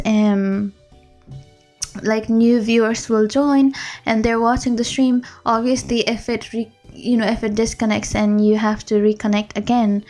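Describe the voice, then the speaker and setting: A woman's voice: fairly high pitch, darkish tone. A woman game streamer chatting casually on a live stream from a room at home, rambling and laughing often. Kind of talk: casual livestream chat.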